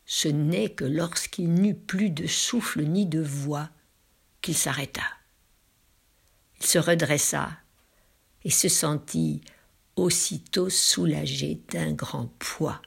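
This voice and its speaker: A woman with a low, husky, gravelly voice tells a folk tale. She takes her time, stretching phrases out dramatically and sinking into hushed whispers at key moments. The pace is unhurried throughout. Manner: drops into hushed whispers for emphasis; slow, drawn-out dramatic phrasing. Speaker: storyteller.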